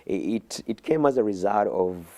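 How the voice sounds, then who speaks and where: A middle-aged man from Uganda, a guest in an interview, talking haltingly with many fillers and restarts. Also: lowish voice, expressive, a little mellow. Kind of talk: interview conversation.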